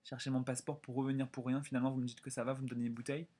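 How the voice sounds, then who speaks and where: Jeune homme français, récit de vlog animé. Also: male voice, mid-range voice, very fast. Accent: French. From France. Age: 20s. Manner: animated, chatty, full of fillers and quoted dialogue. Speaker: vlogger. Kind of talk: casual storytelling vlog.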